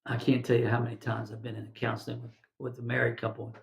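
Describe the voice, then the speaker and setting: Casting: man, chaplain, gravelly, halting, chatty sermon delivery, echoey room. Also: medium pitch, monotone. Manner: conversational, with many restarts and quoted asides. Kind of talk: devotional sermon.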